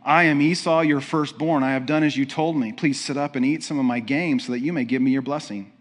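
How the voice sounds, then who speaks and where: A man's voice: mid-range voice, steady tone, brisk, natural voice. A man voicing a deceitful younger son while reading a scripture story aloud in a sermon. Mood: persuading.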